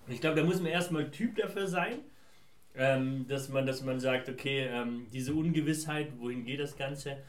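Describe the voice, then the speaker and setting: Speaking at a moderate pace in a medium-pitched voice, a founder from Afghanistan responds to interview questions as a guest. His answers run long, winding and reflective, and the recording has a roomy echo.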